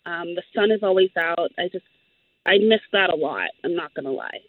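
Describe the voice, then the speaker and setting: A woman's voice: fairly low pitch, moderate pace, dry recording. A woman in her late twenties from Los Angeles, calling in to a radio show, talking in an eager, chatty way with lots of fillers. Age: late 20s. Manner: enthusiastic and talkative, with fillers. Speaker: caller. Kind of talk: call-in conversation. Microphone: phone line. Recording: tinny phone line.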